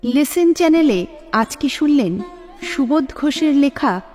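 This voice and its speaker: A woman reading a story aloud, expressive and dramatic, in a fairly high voice. A long hall reverb trails her words, and soft sitar music plays faintly underneath. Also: unhurried. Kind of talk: scripted story narration.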